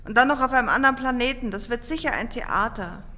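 A bubbly, high-voiced alien teen girl. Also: quick pace, pushed and bright. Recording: music playing underneath.

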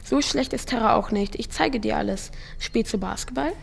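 A woman's voice: on the high side, normal speed, gravelly, slight background noise. A woman voicing a teenage boy from Earth in an audio drama, with casual, slangy teen talk. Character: teenage boy from Earth, cocky but grieving. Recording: music playing underneath.

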